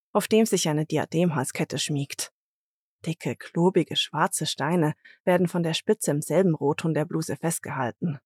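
Female audiobook narrator, measured and introspective, lowish husky tone. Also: a little mellow, no echo, clean studio sound. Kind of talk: first-person scripted narration.

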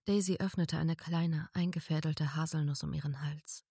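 A woman reading a first-person audiobook story in a calm, measured narration. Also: deep voice, creaky, husky, no room sound, clean studio sound.

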